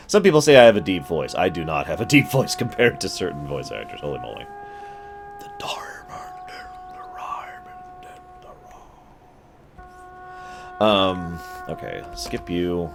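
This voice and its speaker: Low and gravelly, this man's voice swoops wildly in pitch as he speaks unhurriedly, with long pauses and music in the background. He's casually narrating a strategy game live for stream viewers, chatty, talking to chat, and breaking into mock outbursts.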